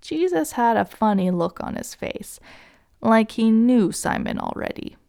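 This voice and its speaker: A woman narrating a children's story gently and asking the young listener questions. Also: a little high, animated, unhurried, creaky.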